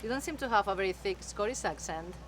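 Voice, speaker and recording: A woman's voice: medium pitch, animated, fast talker. A woman interviewer asks questions in an informal, encouraging way, with hesitant conversational phrasing.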